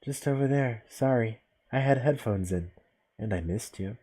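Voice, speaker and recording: A man voicing an odd, emotionless young woman from a visual novel in a flat, deadpan way. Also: mid-range voice, normal speed, breathy edge, close to an everyday voice. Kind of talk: visual novel character read aloud.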